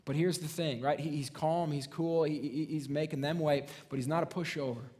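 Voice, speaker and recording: A man giving a sermon in a relaxed, conversational way, full of restarts and "right?" tags. His voice sits a little high for a man. He slips into the voices of people in the story as he tells it. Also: a little fast. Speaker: pastor.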